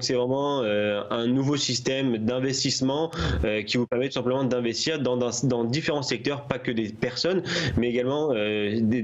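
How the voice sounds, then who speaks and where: A man's voice: mid-range voice, lo-fi sound. A man presents a product as an interview guest over a remote link, explaining with hesitations and repeated words. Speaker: guest account manager presenting a trading platform. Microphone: remote duplex link.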